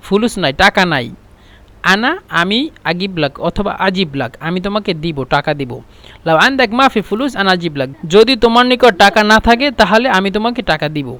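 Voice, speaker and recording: A man's voice: sits high, fairly bright tone, no echo. A man teaching spoken Arabic phrases in a casual lesson, repeating each phrase and explaining it with small hesitations.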